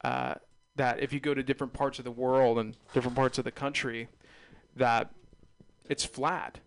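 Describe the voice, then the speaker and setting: A man's voice: medium pitch, animated, moderate pace, vocal fry, faint music behind. A man hosting a casual radio chat, talking in a laid-back, hesitant, rambling way. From San Francisco Bay Area, United States. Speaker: radio host. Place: radio studio booth.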